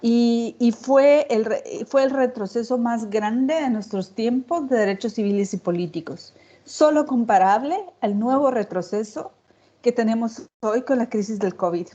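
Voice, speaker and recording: A woman's voice: fairly high pitch, a little slow, dark tone. A woman speaking off the cuff as a panelist, emphatic, building her points with repeated phrases. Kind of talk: unscripted public talk. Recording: dull, lo-fi audio.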